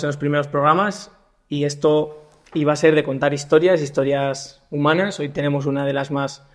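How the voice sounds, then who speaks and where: A young man from Spain hosts a casual podcast interview, his voice gravelly and rough at the edges. He asks his questions haltingly, repeating words as he feels his way forward. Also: on the high side, a little mellow. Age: young adult. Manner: hesitant, repeats words while asking questions. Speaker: podcast host.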